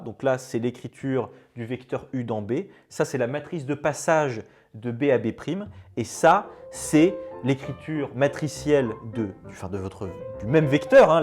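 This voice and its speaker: A man's voice: mid-range voice, a little mellow. A man gives a maths lesson in an ordinary mid-range voice. He walks his students through each step, speaking straight to them, and keeps stopping to marvel at how neatly the result comes out. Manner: enthusiastic, marvels at results with casual fillers; explains step by step, addressing students directly. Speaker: maths teacher. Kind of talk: classroom-style lecture.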